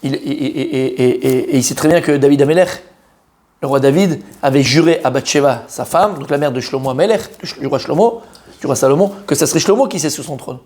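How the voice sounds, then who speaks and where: A man teaching a Torah class in French, an animated teacher who quizzes his students, repeats key points and mixes in Hebrew terms. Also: mid-range voice, quick pace.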